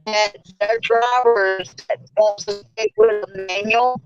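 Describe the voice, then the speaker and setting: A woman speaks slowly and haltingly over a video call that keeps glitching and cutting out. Her voice comes through a dull, muffled, lo-fi line. Faint plucked guitar plays behind her. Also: medium pitch, steady tone. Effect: glitchy breaking-up call audio. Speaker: call-in panelist. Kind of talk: casual chat on a video call. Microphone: remote video call.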